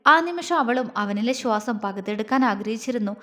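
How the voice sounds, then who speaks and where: A woman storyteller reading a romance serial in a soft, steady voice. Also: fairly high pitch, fairly quick. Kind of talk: scripted romance narration. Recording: long hall reverb.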